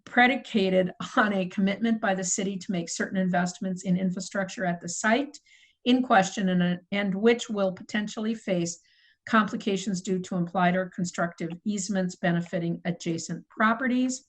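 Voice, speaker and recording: Middle-aged woman, committee chair, procedural agenda reading on a video call, mid pitch. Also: normal speed, low-quality recording. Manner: procedural, apologetic, self-correcting. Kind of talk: formal meeting chairing.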